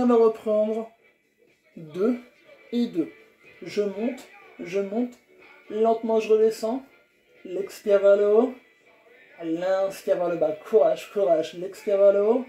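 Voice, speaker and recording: Man, fitness coach, slow counted instructions, mellow tone, roomy sound with faint music. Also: high voice. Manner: encouraging, counts down reps, coaxing. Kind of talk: guided home workout instruction.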